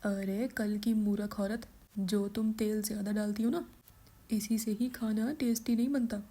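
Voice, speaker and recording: A woman voicing a grumpy, sharp-tongued member of the household. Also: mid-range voice, fairly even intonation, a little slow, lightly acted. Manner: grumbling, insulting.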